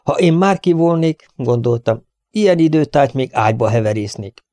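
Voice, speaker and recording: A man narrates an audiobook in a steady, measured way. His voice sits mid-range and is recorded close and dry, with no room sound. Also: medium pitch, no echo. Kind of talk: scripted narration.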